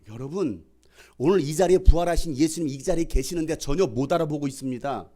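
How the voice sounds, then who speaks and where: A male pastor preaching a sermon, swinging from loud calls to soft whispers and acting out the voices in the scripture. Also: fairly high pitch, quick pace. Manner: acts out the voices in the scripture passages.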